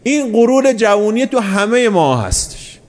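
A man delivers a sermon in a slightly high voice that swings widely in pitch. He tells the story with animation and keeps posing rhetorical questions, then answers them himself. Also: very animated, a little mellow. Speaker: preacher.

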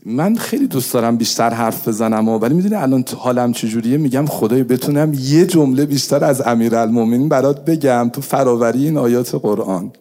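A man delivering a religious sermon, moving between quiet, intimate pleading and raised, fervent calls. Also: mid-range voice, few pauses. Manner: swings from hushed intimate pleading to raised cries. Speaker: preacher.

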